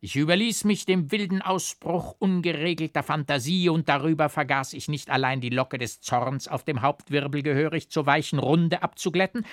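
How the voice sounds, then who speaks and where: A man's voice: fairly high pitch, fairly bright tone, no room sound, studio quality, pitched above the performer's own voice, natural voice. A man voicing a small comical male wigmaker who speaks in grandiloquent, flowery phrases with French touches.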